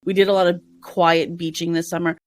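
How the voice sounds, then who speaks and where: A woman's voice: on the low side, flat delivery, brisk. A woman hosting a podcast, chatting casually in a sick voice and often restarting her sentences. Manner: chatty, with frequent restarts and self-corrections. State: sick, congested voice. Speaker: podcast host.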